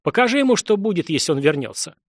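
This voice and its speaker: A furious male gatekeeper hurls contemptuous shouts down from a tower, his pitch climbing high and leaping around with anger, as a male narrator acts him out. The audiobook recording is dry and close. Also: very animated, fast talker, no echo, heavily acted. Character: furious male gate official shouting at outcasts.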